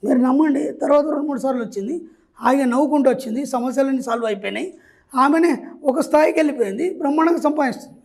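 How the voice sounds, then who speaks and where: A man's voice: very high voice, rapid-fire, gravelly, a little mellow. A man giving a motivational spiritual talk as a teacher and counselor. He lectures directly and keeps asking whether his listeners understand. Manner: lecturing, often checks for understanding with repeated questions; gives direct instructions to listeners.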